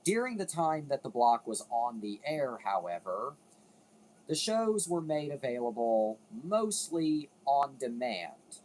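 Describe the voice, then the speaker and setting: A man's voice: medium pitch, big pitch swings, takes it slowly, a little mellow, poor audio. A man hosting a casual commentary video, rambling, cutting himself off and swearing now and then. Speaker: video host.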